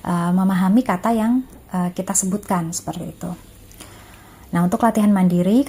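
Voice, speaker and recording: A woman lecturer with an Indonesian accent giving a recorded class lesson, pausing often with fillers as she explains English terms. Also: medium pitch, mellow, breathy edge. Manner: mixes teaching English terms with explanations, many filler pauses.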